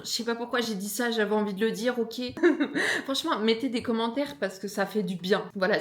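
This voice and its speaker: Twenties girl rambling to camera, jokey, laughs at herself. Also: mid-range voice. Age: 20s. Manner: chatty, playful, self-mocking. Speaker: lifestyle vlogger. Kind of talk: casual vlog chat to camera.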